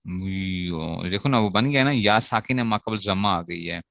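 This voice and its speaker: Lecturing male teacher, low dry voice. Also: unhurried, vocal fry, fairly bright tone, no echo, lo-fi sound. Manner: asks questions and answers them himself, repeating key points. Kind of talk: classroom lecture on Arabic grammar.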